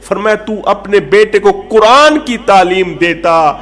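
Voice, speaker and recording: A man's voice: high voice, fairly bright tone. A man preacher telling a moral story in a sermon style, emphatic and repeating his phrases for weight.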